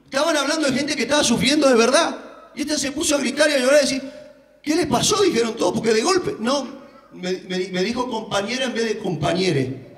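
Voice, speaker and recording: Male evangelist, very high ringing voice, fiery shouted sermon style. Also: fast, long reverb tail. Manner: fiery, shouting, peppered with hallelujahs. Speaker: evangelist preacher.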